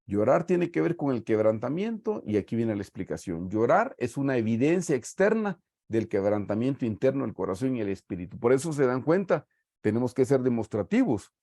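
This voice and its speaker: Guatemalan Spanish man, mellow low-key tone, dry close sound, preaching a Bible study, slow scripture readings. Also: very animated, no room sound. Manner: reads verses slowly, often addresses listeners as brothers. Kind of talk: sermon-style Bible study. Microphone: video call.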